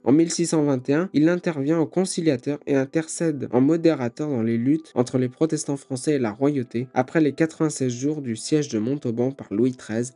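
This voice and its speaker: A man giving scripted narration for a history video, reading in a steady documentary manner. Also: medium pitch.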